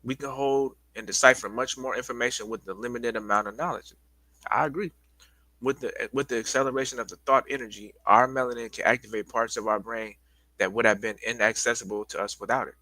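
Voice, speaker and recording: A man hosting a casual livestream lecture, talking loosely to his viewers with lots of restarts and pausing to catch his breath. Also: medium pitch, fairly even intonation, bright, forceful tone, no room sound, poor audio. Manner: loose, repetitive, addresses viewers as y'all. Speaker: livestream host giving a presentation.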